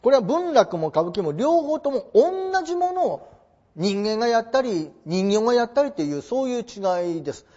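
A man with a very high, mellow voice and big pitch swings speaks at a moderate pace. He's giving a polite classroom lecture on traditional theatre, explaining points and asking rhetorical questions. The recording quality is dull and lo-fi.

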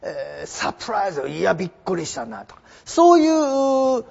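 In a lively lecture explaining an English passage, a man with a high, husky voice teaches English, his pitch leaping up and down as he stresses points. He explains in an animated, emphatic way and reads the English slowly. The recording sounds muffled and lo-fi.

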